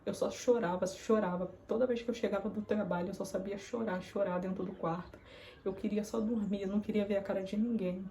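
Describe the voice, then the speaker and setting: Young woman vlogger, soft dark tone, earnest confiding storyteller. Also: medium pitch, fairly even intonation, a little fast, gravelly, slight background noise. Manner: earnest, confiding, acts out remembered dialogue. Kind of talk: personal storytelling to camera.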